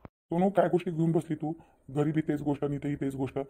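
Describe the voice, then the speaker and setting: A man voicing a sly cheating husband in a cartoon, speaking in a fretful, rapid patter. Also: on the high side, steady tone, dark tone, natural voice. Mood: evasive. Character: sly cheating husband, caught between wife and lover. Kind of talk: cartoon voice acting.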